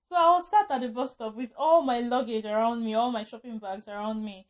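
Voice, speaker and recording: A woman's voice: on the high side, fairly quick, darkish tone. A woman telling a casual storytime vlog, rambling, correcting herself and laughing often. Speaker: vlogger.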